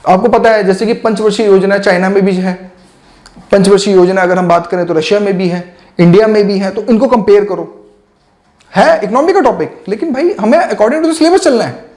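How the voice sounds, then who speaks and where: A man's voice: sits high, brisk, a little mellow. A man teaching exam preparation in a casual, chatty lecture style, addressing students directly with lots of asides.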